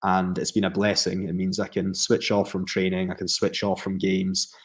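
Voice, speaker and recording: Normal in speed and low, with very little pitch movement, the voice belongs to a Scottish professional footballer guesting on a podcast. He answers at length, steadily and reflectively, with frequent fillers and restarts.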